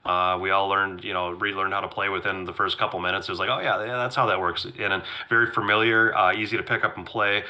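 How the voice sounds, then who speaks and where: A man co-hosting a casual board game podcast, losing his voice, who clears his throat often and talks with many fillers and restarts. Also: low-pitched, flat delivery, fast talker, few pauses, sharp tone. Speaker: podcast co-host. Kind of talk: casual chat.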